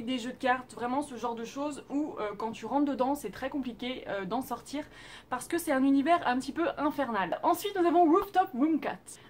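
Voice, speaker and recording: A young woman hosting a casual vlog, chatting expressively about Korean dramas with playful asides. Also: sits high. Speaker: YouTube host reviewing Korean dramas.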